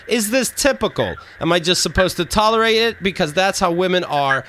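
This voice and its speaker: A man's voice: high-pitched, lively intonation, a little fast, pushed and bright, a little hiss or hum. A man hosting a casual chat show, reading listener emails with frequent fillers and laughs. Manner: chatty, laughs often, hesitant fillers. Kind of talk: casual radio-style chat.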